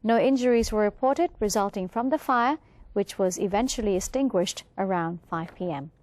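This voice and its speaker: A woman's voice: mid-range voice, moderate pace, a little mellow, no echo. A woman with a Thai accent presenting a news bulletin, reading from a script.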